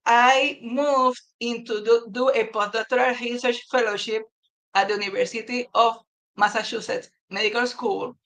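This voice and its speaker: A man, a physician researcher speaking formally and haltingly as a guest on a webinar interview over a video call. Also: extremely high pitch, bright, forceful tone, low-quality recording. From Puerto Rico.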